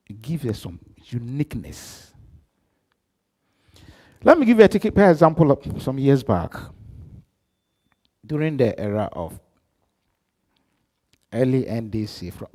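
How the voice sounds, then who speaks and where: A middle-aged man from Ghana with a Ghanaian accent, an apostle giving a live-streamed church address that swings between loud emphasis and soft asides. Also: mid-range voice, very animated, unhurried, pauses often. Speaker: apostle preaching.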